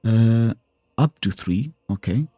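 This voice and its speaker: Slow and mellow, this man's fairly low voice has lively intonation and no room sound at all. He's casually commenting on his own gameplay as a streamer, talking to himself and arguing with the boss he's up against.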